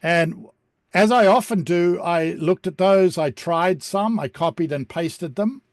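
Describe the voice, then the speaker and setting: A man presenting an online beginner lesson over a video call, speaking in a relaxed, chatty way with frequent ums. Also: high-pitched, a little slow, dry recording, studio quality. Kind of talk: casual explanatory talk on a video call.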